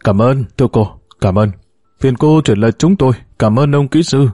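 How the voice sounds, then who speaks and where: A man's voice: mid-range voice, warm tone, dry recording, studio quality, natural voice. A man voicing a polite foreign man who speaks formally and evenly. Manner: formal, measured.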